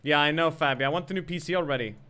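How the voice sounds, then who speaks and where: A man's voice: on the high side, very fast, music in the background. A man from Sweden in his late twenties, playfully trolling other players while streaming from home. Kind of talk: casual streaming chat.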